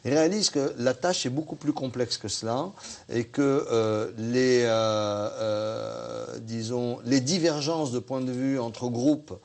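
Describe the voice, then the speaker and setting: Deliberate, emphatic businessman. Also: medium pitch, fairly even intonation, vocal fry. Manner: deliberate, emphatic, pauses to pick words. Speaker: business leader as interview guest. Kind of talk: TV studio interview.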